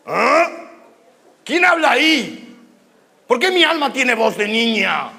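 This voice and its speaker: A desperate, unhinged samurai warrior shouting out his questions in a raised, high voice, as a man acts him out while telling a story. He sounds frantic and strained. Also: sing-song, moderate pace, heavily acted. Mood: startled.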